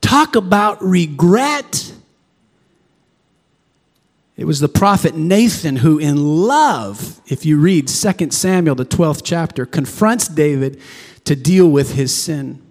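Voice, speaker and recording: A man's voice: fairly high pitch, animated, slow, big-room sound. A man preaching a sermon to his congregation in a church, impassioned and repeating phrases for emphasis. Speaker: pastor. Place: church sanctuary before a congregation.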